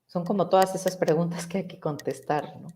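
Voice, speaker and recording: Here a guest psychologist, a woman in middle age, talks with a lowish, brisk voice and a warm tone. Her conversational explanation is reflective and sprinkled with rhetorical questions.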